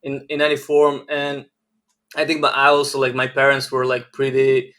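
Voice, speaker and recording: A man's voice: medium pitch, moderate pace. A man in his twenties with a Serbian accent, a podcast guest telling his life story in a casual, rambling way, full of "like" fillers. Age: 20s. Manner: rambling, many "like" fillers, flat delivery. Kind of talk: casual interview chat.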